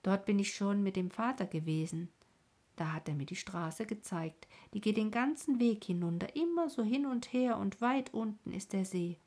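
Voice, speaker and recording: A woman voicing a dreamy, wistful young boy in a storybook reading, speaking softly and thoughtfully. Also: medium pitch, normal speed, natural voice. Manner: soft, longing, thoughtful.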